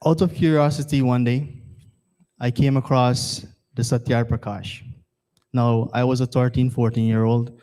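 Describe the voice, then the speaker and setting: A man's voice: medium pitch, flat delivery, a little slow, mellow, clean tone. A man from Guyana, chairing a temple service in an earnest, rhetorical formal address that repeats phrases for emphasis. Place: temple hall.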